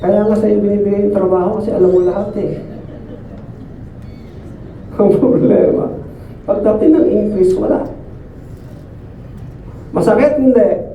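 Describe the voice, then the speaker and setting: High-voiced man preaching in an echoey church. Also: unhurried, pauses often, dark tone, slight background noise. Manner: conversational, often asks listeners "di ba?". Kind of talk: sermon. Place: church service. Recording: echoey distant phone-like sound.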